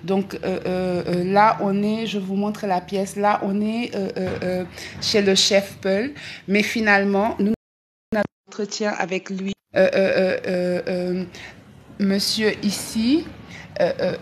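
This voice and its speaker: A woman from Senegal, talking on a live travel vlog, halting and full of fillers and repeated words. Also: medium pitch, flat delivery, a little hiss or hum. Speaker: travel vlogger.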